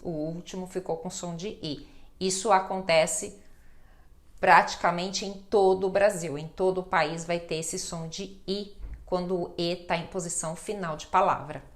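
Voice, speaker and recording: A woman's voice: on the low side, fairly even intonation, normal speed. A Brazilian woman teaching Portuguese pronunciation, patient and reassuring as she spells out example words. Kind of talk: slow pronunciation lesson.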